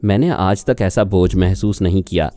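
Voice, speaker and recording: A man's voice: low voice, mellow, no echo, studio quality, soft background music, lightly acted. A man voicing a jealous young wife who accuses and argues, in an audiobook reading. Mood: defensive. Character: jealous young woman, sharp-tongued wife.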